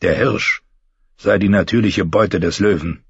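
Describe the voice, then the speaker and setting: A man voicing a blunt, mocking one-handed knight in a husky, dry voice. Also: low-pitched, unhurried, no echo, lo-fi sound, exaggerated voice. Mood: sardonic. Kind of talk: audiobook reading.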